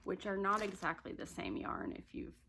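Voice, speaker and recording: A woman's voice: mid-range voice, moderate pace, vocal fry, sharp tone, slight background noise, rough recording. A chatty woman with a Southern accent, rambling cheerfully through a casual yarn vlog and laughing often. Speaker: yarn vlogger. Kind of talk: casual chat.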